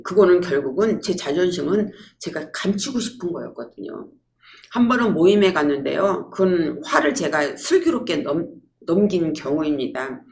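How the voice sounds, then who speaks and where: A woman giving a public lecture, telling lively stories and acting out quotes. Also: on the low side, normal speed, gravelly. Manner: lively storytelling with acted-out quotes.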